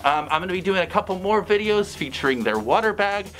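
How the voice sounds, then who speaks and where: Fursuiter talking thru a costume head, lively up and down voice, blunt chatty tips. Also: mid-range voice, quick pace, soft background music, poor audio. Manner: animated, chatty, blunt advice. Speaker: fursuiter vlogger. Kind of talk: casual advice vlog.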